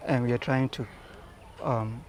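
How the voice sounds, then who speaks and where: A man on a school farm calmly explaining how the crops are grown, recorded outdoors. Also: medium pitch, unhurried.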